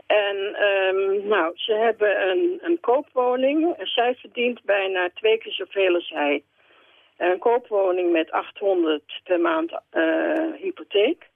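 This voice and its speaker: A woman's voice: medium pitch, lively intonation, takes it slowly, gravelly, no echo. An older woman calling in to a radio show, talking hesitantly with many fillers. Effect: radio show caller on a phone line. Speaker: caller. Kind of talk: call-in radio question. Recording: tinny phone line.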